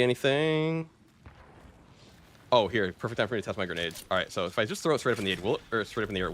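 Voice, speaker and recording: A man's voice: lowish voice, fairly bright tone, slight background noise. A man streaming a shooter game, chatting casually and laid-back, throwing in "bro" and "dude.". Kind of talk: casual gameplay commentary.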